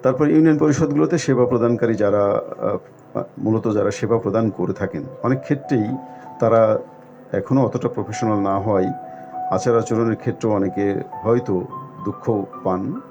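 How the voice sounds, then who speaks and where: Over music and in dull, lo-fi sound, a man with a fairly low voice gives a discussion-show answer. He speaks formally and deliberately, setting out his points one by one and pausing as he goes. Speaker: expert guest on a live phone-in discussion. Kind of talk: explanatory panel discussion, point by point. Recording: muffled lo-fi audio with music behind.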